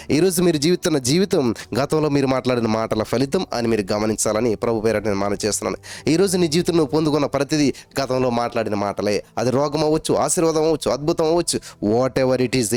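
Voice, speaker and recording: A man preaching a sermon as a pastor, fervent and emphatic, building to loud exclamations. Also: medium pitch.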